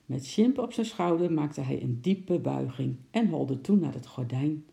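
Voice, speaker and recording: A man reading a children's storybook aloud in a steady, expressive narration. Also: fairly high pitch, measured pace, gravelly.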